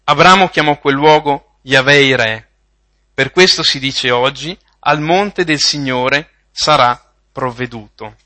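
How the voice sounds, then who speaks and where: A man preaching a sermon, reading Bible passages and repeating phrases with slow emphasis. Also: mid-range voice, bright, forceful tone.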